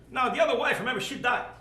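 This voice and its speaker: A man's voice: extremely high pitch, reverberant. A man playing a talkative older accordion player who tells comic stories in broken English. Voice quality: broken English, chuckling storyteller. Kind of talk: comic monologue.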